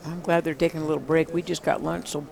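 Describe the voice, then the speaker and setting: A man with a gravelly, slightly high voice commentates on live poker from a booth. He explains play and rules matter-of-factly. Crowd chatter sits behind him. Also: level tone, fast.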